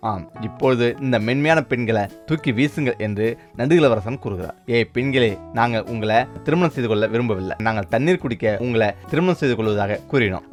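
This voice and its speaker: A man narrating a folk story and voicing all its characters in his own steady voice. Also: medium pitch. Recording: faint music underneath.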